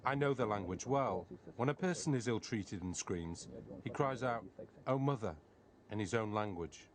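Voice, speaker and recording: A man with a disguised deep voice gives sober, matter-of-fact testimony as a former prisoner and witness. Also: expressive, normal speed.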